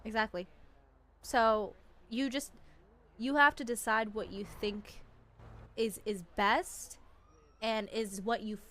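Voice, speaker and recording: A woman's voice: on the high side, steady tone, slow pace, pauses often, a bit bright. Woman rambling earnest advice in roleplay. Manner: earnest advice, full of "like" and restarts. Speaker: roleplayer in a gang. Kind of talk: in-character roleplay chat.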